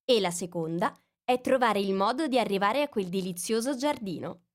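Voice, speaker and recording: A woman voicing Alice, a curious, bold young girl in an audiobook, speaking in a lively, exclaiming way. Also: medium pitch, moderate pace, close to an everyday voice. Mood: determined.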